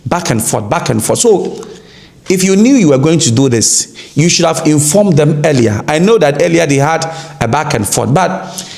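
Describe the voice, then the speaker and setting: A man's voice: fairly high pitch, expressive, normal speed, creaky, a little mellow. A man from Ghana with a Ghanaian accent, giving an opinionated news commentary and stressing points by repeating his words.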